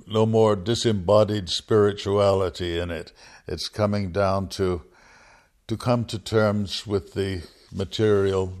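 An older man, a poet, answering interview questions in a measured, hesitant way with frequent pauses. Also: low voice, a little mellow. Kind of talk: reflective interview answers and poetry reading.

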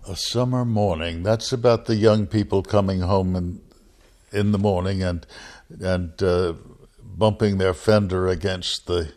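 An older man with a fairly low voice speaks very slowly, choosing each word with care. He answers questions reflectively, pausing often and trailing into soft fillers before going on. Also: steady tone. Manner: measured, hesitant, with frequent pauses and fillers. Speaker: poet being interviewed. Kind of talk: reflective interview answers and poetry reading.

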